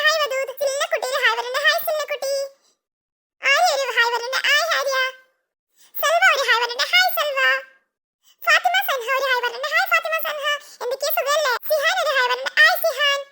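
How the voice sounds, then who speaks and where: Hosting a cartoon channel, a woman with an extremely high-pitched voice gives viewers casual, chatty shout-outs, repeating the same greeting pattern over and over.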